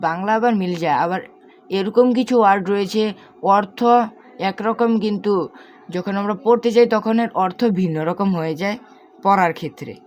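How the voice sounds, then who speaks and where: A woman's voice: mid-range voice, a little fast, a little mellow, slight background noise. A woman teaching English spelling and pronunciation, spelling words out letter by letter and quizzing the viewer.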